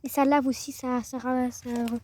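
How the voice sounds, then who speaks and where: A woman's voice: sits high, little pitch movement, normal speed, darkish tone. A teenage girl from France, vlogging casually outdoors by her chickens, rambling and often trailing off mid-sentence. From northern France. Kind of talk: casual vlog. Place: outdoor garden by a chicken coop.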